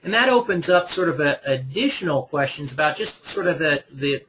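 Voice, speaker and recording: A man's voice: a little high, expressive, a little fast, sharp tone, a little hiss or hum, rough recording. A man moderating a webinar, reading out audience questions with many hesitant fillers.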